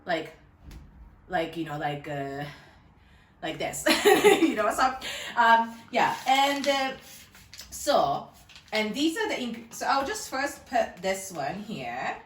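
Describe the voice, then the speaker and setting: A woman's voice: medium pitch, sing-song, takes it slowly, pauses often, a little hiss or hum. Chatty Japanese-accented woman in an echoey kitchen. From Japan, Tokyo. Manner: chatty, rambling, laughs often. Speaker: cooking video host. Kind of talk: casual cooking demonstration. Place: home kitchen. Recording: echoey kitchen, mic at a distance.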